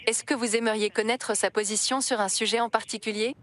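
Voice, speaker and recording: A computer-made woman's voice speaks over a phone call as an automated campaign caller. Her phrasing is polite and evenly paced, with the smooth, scripted courtesy of a machine. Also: a little high, steady tone, brisk, a bit bright. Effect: synthetic AI voice heard over a phone call.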